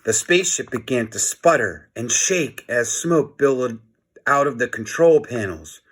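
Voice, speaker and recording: Using dramatic pauses and little asides to the audience, a man with a medium-pitched voice reads a children's story in a lively, playful way.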